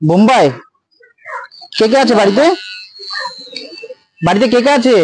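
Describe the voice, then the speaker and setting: A man filming a street vlog, coaxing and gently scolding as he asks the same questions again and again. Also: high-pitched, unhurried, a little hiss or hum, rough recording. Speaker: vlogger helping a homeless man. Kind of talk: casual street vlog talk. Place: outdoors on a street.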